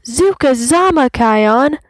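A woman voicing an excitable young male honey badger from a storybook, loud and shrill. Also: slow, no room sound, studio quality. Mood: excited. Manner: loud and shrill, shouting gleefully.

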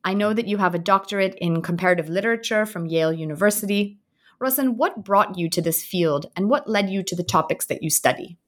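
A woman hosting an academic interview podcast, speaking in a measured, formal way. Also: medium pitch. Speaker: podcast host.

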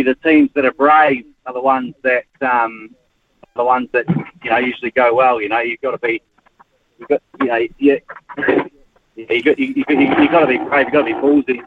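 A man's voice: mid-range voice, slight background noise. New Zealand man on a car speakerphone. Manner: rambling, easygoing talk. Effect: car speakerphone over a phone line. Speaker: caller to a sports radio show. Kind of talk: casual phone-in chat. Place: work van on the road. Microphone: hands-free Bluetooth in a vehicle. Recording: tinny phone line from a moving car.

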